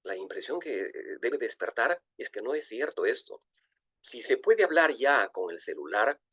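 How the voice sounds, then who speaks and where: A middle-aged man, lecturing at a virtual conference, lively and full of fillers and restarts. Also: medium pitch, husky, no echo, clean studio sound. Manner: animated, frequent fillers and restarts. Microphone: video call.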